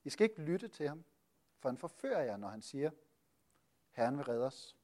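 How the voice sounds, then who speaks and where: A man's voice: medium pitch, sing-song, darkish tone, natural voice. A man voicing an arrogant, mocking ancient army commander who fires off boastful, taunting questions.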